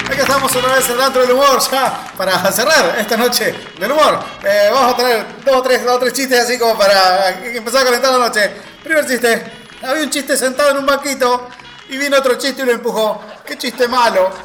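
A man's voice: very high-pitched, fairly quick, pushed and bright, echoey room, faint music behind. A man playing a corny male stand-up comic who begs the crowd not to throw things. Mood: jokey. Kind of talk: comedy sketch.

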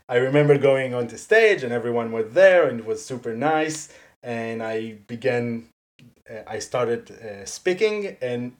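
This interview guest's first language is Hebrew, and her English carries an Israeli accent. Chatting casually at a medium pitch, she laughs easily, stays lively, fills her speech with "like," and frequently starts sentences over.

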